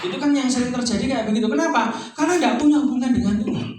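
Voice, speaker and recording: A middle-aged man preaching a sermon with a Javanese accent, his voice pitched fairly high. He is recorded from far off in a very echoey church hall, with a faint hiss underneath. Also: very fast. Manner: animated preaching mixing Javanese phrases, frequent "ya toh?". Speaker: pastor.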